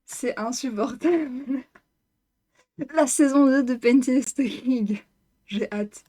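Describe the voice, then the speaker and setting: A woman's voice: sits high, takes it slowly, dark tone. A woman vlogger reacting to her own video in a casual, self-mocking way, laughing and teasing herself.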